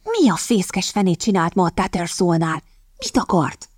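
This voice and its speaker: A proud, strong-willed young lady who presses her point with sharp insistence, voiced by a woman narrator. Her voice sits fairly low, in a dry, close recording without any room sound. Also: huge pitch swings, no room sound. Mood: indignant.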